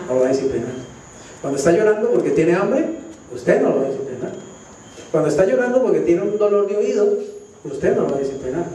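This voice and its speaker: A man with a Colombian Spanish accent preaching a sermon as pastor, animated and often asking the congregation questions. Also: sits high, slight background noise. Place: church hall. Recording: very echoey church hall, distant mic.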